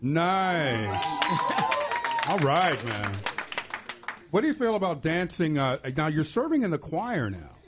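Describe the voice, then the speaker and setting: A man's voice: a little high, huge pitch swings, slow pace, long pauses. A man hosting a casual church group interview, jovial and informal, often repeating himself. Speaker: discussion host in a church. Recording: noisy room with crowd sound.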